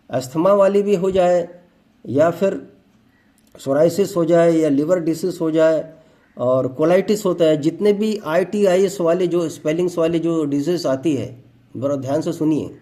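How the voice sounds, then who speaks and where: A man's voice: a little high, dark tone. A man giving a motivational health talk, explaining with everyday examples and asides.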